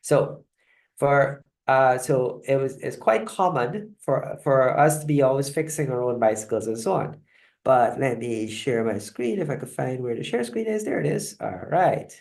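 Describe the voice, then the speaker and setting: Lady presenting on a video call, chatty and a bit halting, keeps asking right?. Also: a bass voice, expressive, vocal fry, a little mellow. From Guyana. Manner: conversational, halting, often checks in with "right?". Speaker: host of a live online wellness session. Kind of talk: live online presentation. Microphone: video call mic.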